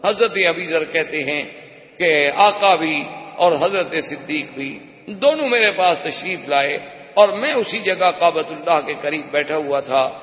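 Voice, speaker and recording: A man's voice: on the high side, lively intonation, a bit bright. A man preaching a sermon, telling a story dramatically and voicing the characters in it. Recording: echoey hall, dull lo-fi sound.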